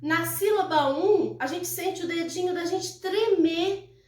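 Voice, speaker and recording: A Brazilian woman teaching a recorded lesson to young children, explaining patiently and repeating herself, often checking that her pupils follow. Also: extremely high pitch. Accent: Brazilian Portuguese. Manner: slow, patient, repetitive explaining with check-ins. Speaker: primary school teacher. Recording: echoey room, mic at a distance.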